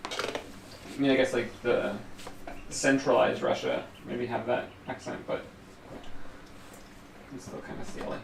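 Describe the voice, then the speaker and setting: A man's voice: mid-range voice, fairly even intonation, a little slow, creaky, pauses often. A man co-hosting a livestream, chatting and joking casually. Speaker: livestream co-host. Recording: distant mic in echoey, noisy room.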